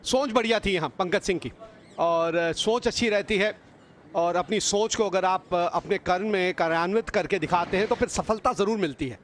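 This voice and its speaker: A man's voice: high-pitched, normal speed, a little hiss or hum. A man with an Indian accent giving conversational, reflective live cricket commentary as a broadcaster.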